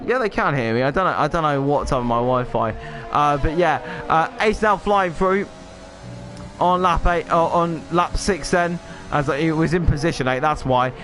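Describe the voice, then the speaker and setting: A man's voice: on the high side, moderate pace, fairly bright tone, soft background music. A man commentating a sim racing stream, rambling with lots of fillers and self-deprecating asides. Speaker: lead race commentator.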